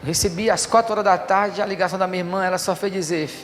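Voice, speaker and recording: A male pastor preaching a fervent sermon, swinging from hushed passages to loud declarations. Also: sits high, steady tone, rapid-fire, in a large hall, a little hiss or hum.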